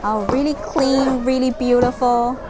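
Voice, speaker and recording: A woman hosting a casual live stream from a horse stable, chatting excitedly and cooing at the horses. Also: sits high, a little slow. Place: horse stable with animals nearby. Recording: loud background noise from the stable.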